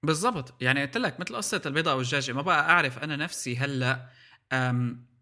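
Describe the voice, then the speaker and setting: Male podcast co-host, Levantine Arabic accent, quick casual delivery, very sharp tone, English terms mixed in. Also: medium pitch. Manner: mixes English words into Arabic. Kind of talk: casual tech discussion.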